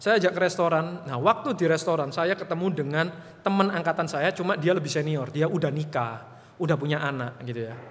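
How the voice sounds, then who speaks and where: A man's voice: on the high side, brisk. A young man preaching a sermon, telling stories and speaking straight to the congregation. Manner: storytelling, animated, addresses congregation directly. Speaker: evangelist preacher. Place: church hall. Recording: long church hall reverb.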